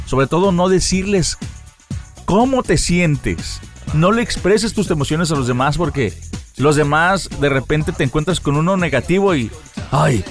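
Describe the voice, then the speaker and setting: A man with a Mexican Spanish accent hosting a lively local morning radio show, playful and slangy, drawing out words to hype up listeners. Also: a little high. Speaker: radio host.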